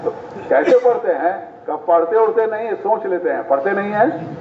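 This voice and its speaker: A man's voice: sits high, animated. A male preacher from Bihar, India, giving a sermon who keeps asking his listeners questions and repeating each point. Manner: quizzes the congregation with repeated questions. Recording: echoey, distant, tinny phone-like, faint noise.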